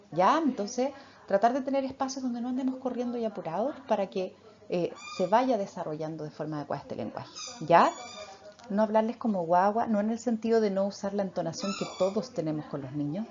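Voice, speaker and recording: A woman's voice: medium pitch, dark tone. A woman speech therapist, giving parenting advice and often checking in with short tag questions. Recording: slightly muffled with faint background noise.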